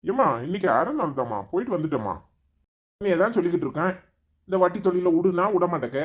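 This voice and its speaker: A man voicing a mild young husband and son in a cartoon, pleading gently in Tirunelveli Tamil. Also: high voice, animated, quick pace.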